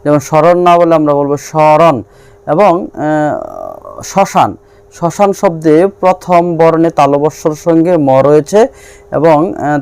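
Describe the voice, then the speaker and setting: Man teaching with careful pauses. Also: on the high side, darkish tone, clear, resonant tone. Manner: explains step by step with many pauses and fillers. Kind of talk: Bengali grammar lesson.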